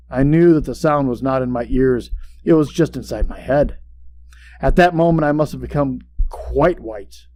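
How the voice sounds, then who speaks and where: In a medium-pitched, natural voice, a man plays an obsessive, boastful mad murderer narrating a gothic horror tale. His theatrical telling is dramatic, deliberate and agitated, swinging between hushed tones and outbursts, with clear background hum and noise.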